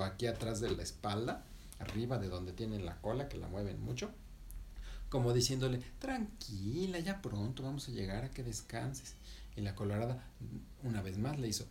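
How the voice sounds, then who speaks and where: A man's voice: on the low side, a little mellow, slight background noise. A man telling a children's story, playful and chatty, correcting himself and asking the listener questions.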